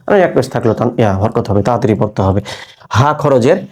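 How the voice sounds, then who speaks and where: Male teacher, mellow tone, slow spelled-out recitation drills, patient and repetitive. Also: medium pitch. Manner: patient, repeats syllables, asks rhetorical questions. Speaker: Quran reading teacher.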